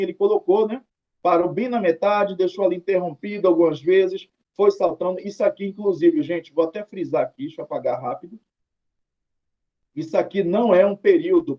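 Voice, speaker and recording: A man's voice: sits high, warm tone, lo-fi sound. A Brazilian man teaching a writing lesson, talking students through examples in a chatty, mildly scolding way. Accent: Brazilian Portuguese. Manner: chatty, drawing out tag questions, mildly scolding.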